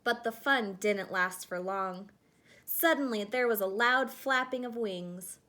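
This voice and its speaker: A woman with a mid-range voice reads a children's picture book aloud at a measured pace, telling the story expressively.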